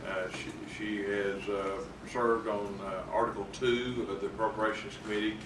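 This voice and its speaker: A man introducing a speaker, halting with many fillers. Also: fairly low pitch, level tone. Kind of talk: formal introduction. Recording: roomy, distant mic, audible noise.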